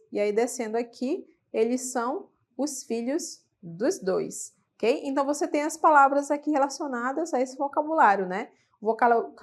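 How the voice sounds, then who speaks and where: A woman with a Brazilian Portuguese accent, teaching English vocabulary in a classroom lesson, checking in with frequent tag questions and repeating words for practice. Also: fairly high pitch.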